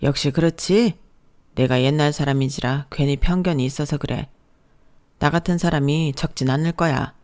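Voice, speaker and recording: A narrator voicing an older, old-fashioned father-in-law who talks bluntly and gruffly, then apologizes. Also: a little high, normal speed, darkish tone, close to an everyday voice.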